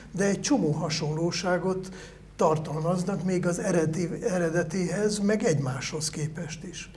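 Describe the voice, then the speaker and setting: Older man, virologist guest, measured explaining, voice a bit high, pauses mid-thought. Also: a little mellow. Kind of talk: explanatory interview answers.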